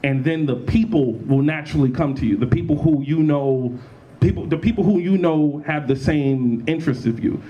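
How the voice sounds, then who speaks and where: Animated young man on a panel. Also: fairly high pitch, normal speed, lo-fi sound. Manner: animated, laughs often, many restarts. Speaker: panelist, battle rapper. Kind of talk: panel talk at a convention. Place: college event room.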